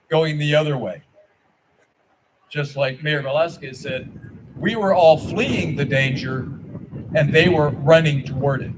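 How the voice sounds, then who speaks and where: A man gives a personal recollection as a public speech, earnest and halting, with deliberate phrasing. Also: a little high, poor audio. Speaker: ceremony speaker, eyewitness. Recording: faint background noise.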